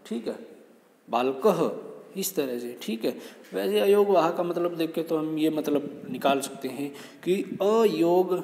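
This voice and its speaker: A man's voice: on the high side, dark tone. Man teaching in an echoey room. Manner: explains patiently, often checks in with students. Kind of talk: explaining a lesson to students. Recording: echoey room with long reverb.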